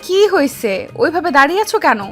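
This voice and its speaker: A woman playing a short-tempered, bossy young wife who can soften, in an acted audio love story with music behind. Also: very high voice, big pitch swings, fairly quick, exaggerated voice. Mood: sleepy irritation.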